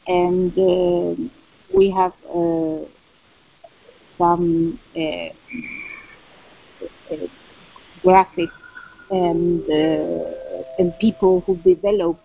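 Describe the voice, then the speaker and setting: A woman with a Chilean Spanish accent in an interview, speaking English haltingly as she translates in her head and searches for words. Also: on the low side. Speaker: curator and cultural center representative. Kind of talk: interview answer about exhibitions. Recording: dull lo-fi sound.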